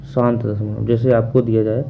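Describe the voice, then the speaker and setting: A man's voice: mid-range voice, flat delivery, normal speed, gravelly, highs cut off, a little hiss or hum. A man teaching a math class online, asking questions and answering them himself in a repetitive drilling manner.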